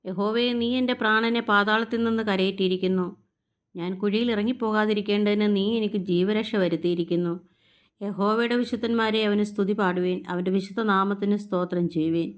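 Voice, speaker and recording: A woman reading psalms aloud in a steady, measured recitation. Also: mid-range voice. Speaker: scripture reader.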